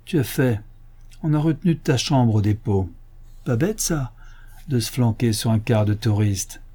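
A man's voice: mid-range voice, animated, measured pace, mellow, slightly rough. A man voicing a brusque, mocking police detective making an arrest. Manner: brusque, sarcastic.

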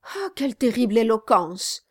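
A flattering, obsequious lawyer simpers in a slightly raised voice, as a woman reader plays him. Storybook telling, recorded dry and close. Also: fairly high pitch, slow, no room sound, pitched above the performer's own voice. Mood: fawning. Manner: fawning, flattering. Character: fawning, obsequious male lawyer.

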